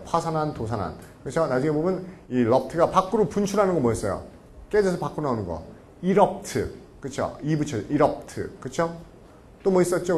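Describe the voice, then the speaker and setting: Animated male vocabulary lecturer. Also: fairly high pitch. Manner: animated, keeps asking the class rhetorical questions. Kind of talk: lively lecture with acted anecdotes.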